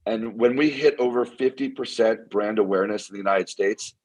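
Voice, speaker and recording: A hoarse man, an inventor guest, talking excitedly in a casual interview, repeating words and using lots of fillers. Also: fairly low pitch, brisk, poor audio. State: hoarse, losing his voice.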